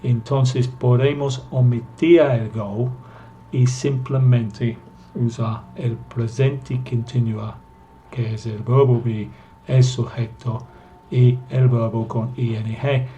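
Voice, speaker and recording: Slow, careful male language teacher. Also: medium pitch, steady tone, mellow, lo-fi sound, a little hiss or hum. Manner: slow and careful, repeating example sentences for learners to copy. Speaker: English teacher. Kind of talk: recorded language lesson.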